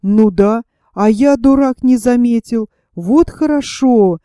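A woman voicing a clever, bossy boy who talks in hushed, knowing, urgent tones. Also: on the high side, slow, smooth, no echo, studio quality. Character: boastful clever boy, scared but trying to lead.

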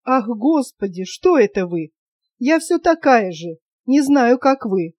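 A woman's voice: on the high side, very animated, slow pace, a little mellow, dry recording, dull audio, full character voice. A woman voicing a talkative, self-satisfied wealthy lady in a storybook reading, chatty and coquettish.

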